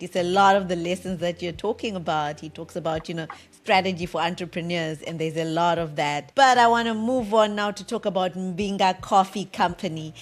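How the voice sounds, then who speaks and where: A woman hosting a podcast interview, asking measured, thoughtful questions. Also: lowish voice. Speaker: podcast host.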